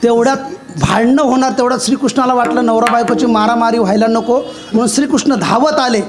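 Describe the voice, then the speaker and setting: A man's voice: very high voice, steady tone, quick pace. A male preacher telling a devotional story with humor, often asking the audience questions. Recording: live with instrumental music behind.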